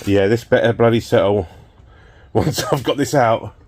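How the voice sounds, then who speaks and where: A man's voice: mid-range voice, measured pace, darkish tone. A man vlogging while working on his car in a home garage workshop, exasperated and swearing when things go wrong, a bit out of breath. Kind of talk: casual workshop vlog.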